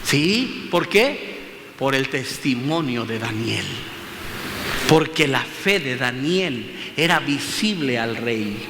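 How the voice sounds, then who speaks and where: A man's voice: medium pitch, sing-song, takes it slowly. A man preaching a sermon in a church, speaking emphatically and repeating phrases as he addresses his listeners as brothers. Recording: long hall reverb, faint room noise.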